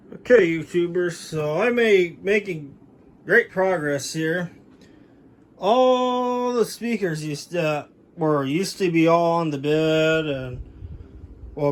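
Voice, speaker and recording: In what sounds like a home video, a man with a rather high voice chats casually through a walk-through of his setup like a proud hobbyist. It's informal show-and-tell narration picked up by a handheld camera mic indoors.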